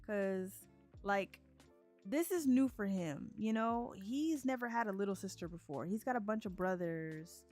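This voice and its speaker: A woman's voice: mid-range voice, lively intonation, measured pace, darkish tone, faint music behind. A young woman, chatting casually while she plays a life-simulation game and laughs often. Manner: chatty, laughs often, voices characters in asides. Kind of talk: casual let's-play commentary.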